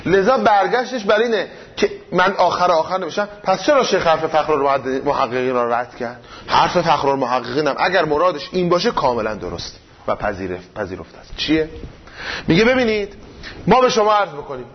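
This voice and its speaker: Lively high-voiced male seminary lecturer. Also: slightly rough, highs cut off. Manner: explanatory, rhetorical questions, swings up and down in pitch. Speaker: teacher of Islamic jurisprudence.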